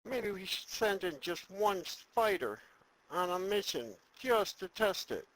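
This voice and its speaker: A man's voice: high-pitched, lively intonation, measured pace, a bit bright, poor audio. A man playing a cautious, deferential advisor to an evil space emperor, formal and wary, in a comedic audio drama. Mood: wary, dry.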